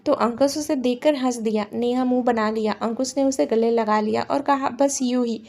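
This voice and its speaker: A woman narrating a serialized love story in a plain, steady way. Her voice sits high and light. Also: normal speed, vocal fry.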